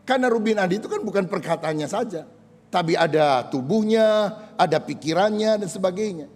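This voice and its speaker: A man's voice: sits high, animated, a little fast, darkish tone. A male pastor preaching a sermon in a casual, joking manner, acting out the people he quotes. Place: church service. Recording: reverberant hall with faint music.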